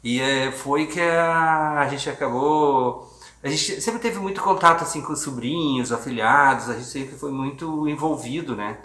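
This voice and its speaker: A man's voice: medium pitch, a little slow, bright, forceful tone. A man, an adoptive father telling his story in a hesitant documentary interview with many restarts. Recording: echoey room on a phone.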